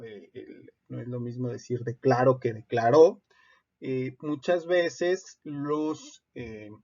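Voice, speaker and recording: Gravelly man teaching spelling rules. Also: medium pitch. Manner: explanatory, steady, many "eh" fillers. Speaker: instructor. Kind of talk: recorded legal-writing lesson. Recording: dull lo-fi recording.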